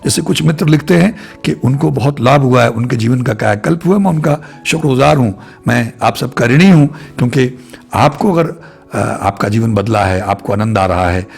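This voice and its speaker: A man's voice: medium pitch, expressive, normal speed, creaky, slightly rough. A man giving a reflective spiritual talk to his viewers, repeating phrases in long lists. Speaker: spiritual speaker.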